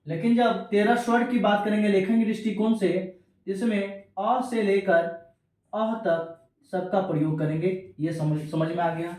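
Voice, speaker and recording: A man's voice: high voice, steady tone, unhurried, a little mellow. Male teacher in a very echoey room. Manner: repeats key terms, addresses students as children. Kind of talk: exam-prep grammar lesson. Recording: very echoey room, distant from mic.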